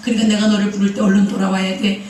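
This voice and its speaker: A patient, fatherly God coaxes a wayward child to come back, voiced by a woman preacher. The tone is gentle and insistent. It sounds distant, with heavy echo from the sanctuary. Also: medium pitch, flat delivery, very fast, natural voice. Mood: coaxing. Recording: echoey sanctuary heard from far off.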